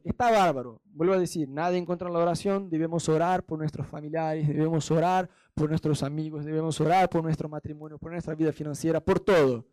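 A man's voice: high-pitched, dark tone, no room sound. A man from Brazil preaching a sermon, chatty and direct, acting out little anecdotes with quoted voices. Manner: storytelling with acted-out quotes; chatty, addresses listeners directly.

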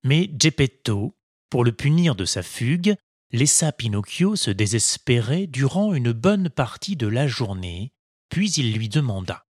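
A man reading a children's storybook aloud as narrator, slow and expressive. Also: mid-range voice, breathy edge, dry recording, clean studio sound. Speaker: audiobook narrator.

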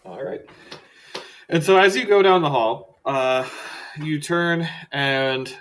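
A man's voice: on the high side, slow pace, a bit bright. A man narrating a tabletop game as game master in a casual manner with many fillers.

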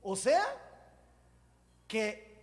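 High-voiced animated preacher in a hall. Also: male voice, very slow. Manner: animated, jokey, conversational preaching. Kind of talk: sermon.

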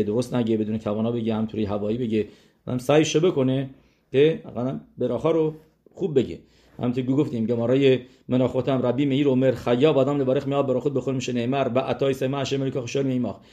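A man teaching a religious lesson, asking the listeners questions and answering them himself, thinking aloud with hesitations and restarts, and rising sharply in pitch and volume to stress a point. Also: dark tone. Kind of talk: religious lesson on scripture and numerology.

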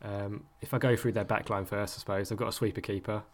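A man's voice: lowish voice, little pitch movement, quick pace. A man co-hosting a podcast, talking casually with lots of ums and easy laughs. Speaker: podcast co-host. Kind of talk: casual chat.

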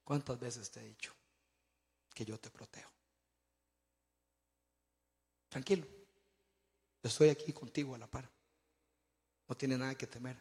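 A man voicing a quiet, soothing Jesus in a hall. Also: a little high, fairly even intonation, a little fast, lightly acted. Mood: calm. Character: calm, gentle Jesus reassuring a man.

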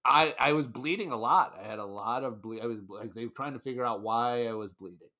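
A young adult man co-hosting a podcast, telling a story in a bright, forceful voice. He is animated and laughs often. He slips into other people's voices for the quoted lines. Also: medium pitch, brisk. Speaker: podcast co-host. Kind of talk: casual storytelling chat.

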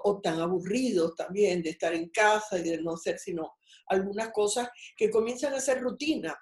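An older woman born in Cuba joins a call as a guest for a casual interview, telling her life story in a rambling, personal way with many restarts. Her voice is mid-range with a darkish tone, and the sound is reverberant.

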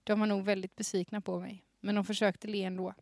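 A woman's voice: mid-range voice, level tone, creaky, darkish tone, no echo, studio quality. A young adult woman hosting a podcast, reading aloud a story she wrote as a teenager and stifling giggles as she goes. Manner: reads with suppressed giggles. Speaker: podcast host. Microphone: studio microphone with headphones.

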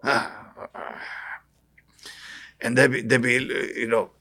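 His voice is mid-range and level in tone, slow, with vocal fry and a pushed, bright quality. The speaker, a man with an Israeli accent, is a spiritual teacher giving an inspirational talk with anecdotes to a live audience, emphatic and repeating short phrases.

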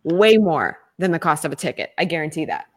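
A woman's voice: low-pitched, very animated, quick pace. A woman co-hosting a casual talk show, speaking earnestly and persuasively about giving and an upcoming event. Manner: earnest, persuasive, sales-minded. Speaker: podcast co-host. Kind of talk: casual promotional chat.

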